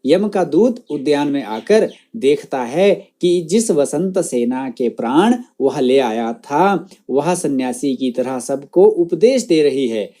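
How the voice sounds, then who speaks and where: A man's voice: mid-range voice, dark tone. A male teacher reading a school Sanskrit lesson aloud, reciting word by word so that students can repeat after him.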